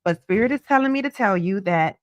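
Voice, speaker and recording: A woman speaks as a psychic hotline host in a close, dry recording at a medium pitch. She chats through tarot readings conversationally, greeting and thanking her callers effusively and addressing them with easy familiarity. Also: lively intonation, fairly quick, dry recording. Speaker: psychic tarot reader hosting a live call-in.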